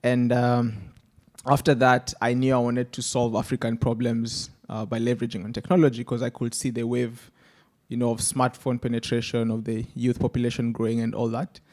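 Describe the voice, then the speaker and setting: A man's voice: medium pitch, completely flat delivery, normal speed, darkish tone. A man, introducing himself and his company on a conference panel in an upbeat way, with fillers and an uneven pace. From Kenya. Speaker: panelist, startup founder.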